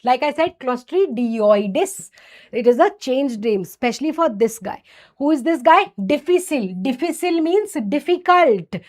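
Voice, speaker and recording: High-pitched North Indian woman lecturer. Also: lively intonation, normal speed, a little mellow. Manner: didactic, asks and answers own questions, frequent check-in tags like okay and right; mixes Hindi phrases into English. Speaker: medical lecturer. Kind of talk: exam-focused microbiology lesson.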